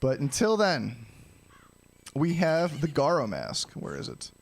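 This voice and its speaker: A man giving casual live speedrunner commentary, explaining each step of a game to viewers and often clearing his throat. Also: fairly high pitch, wildly swooping pitch, slow. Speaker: speedrunner streaming a game challenge.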